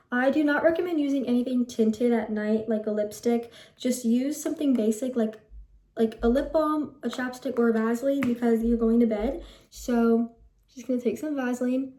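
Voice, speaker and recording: A teenage girl, English-first and of Telugu heritage, vlogs her skincare routine casually, chatting, rambling and fixing her own words as she goes. Her mellow voice is a little high, and the room echoes.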